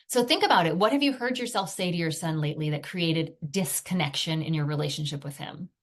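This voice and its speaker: A woman parenting coach teaching a video lesson in a conversational way, often checking in with her listeners. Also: lowish voice. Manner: acts out quoted phrases parents say to their sons.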